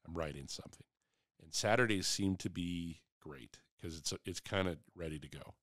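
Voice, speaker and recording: A man's voice: low-pitched, normal speed, fairly bright tone, no echo, studio quality. A man in his forties talking candidly and reflectively in a casual chat, with a rambling way of talking.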